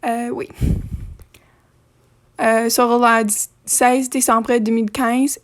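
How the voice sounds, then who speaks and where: Female video presenter, fairly high flat voice, non-native French accent, halting scripted narration with casual asides. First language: not French; French is a third language.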